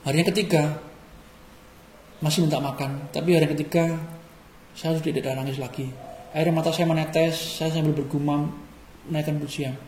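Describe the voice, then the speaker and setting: A man's voice: on the high side, steady tone, moderate pace, pauses often, darkish tone. A man giving an earnest, emotional personal testimony as an interview guest, quoting prayers and conversations aloud. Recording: echoey room with faint ambient noise.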